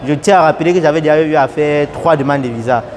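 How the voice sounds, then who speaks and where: A young man giving an earnest, casual testimonial at an airport, repeating his phrases and getting animated. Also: a little high, fast, a little hiss or hum. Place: airport, indoors.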